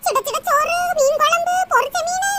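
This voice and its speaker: A woman's voice: extremely high pitch, moderate pace, over music. A woman voicing a grumbling elderly village grandmother in a cartoon comedy, scolding and full of self-pity. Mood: gossiping. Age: older. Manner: scolding, self-pitying complaints. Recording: loud background hiss.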